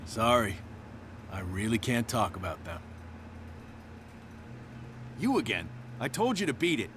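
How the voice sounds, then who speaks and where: A grumpy cop on guard in a video game, lowish voice, curt and sarcastic, noisy behind him. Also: male voice, wildly swooping pitch, measured pace. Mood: dismissive. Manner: curt, sardonic. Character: gruff, dismissive male policeman on guard duty.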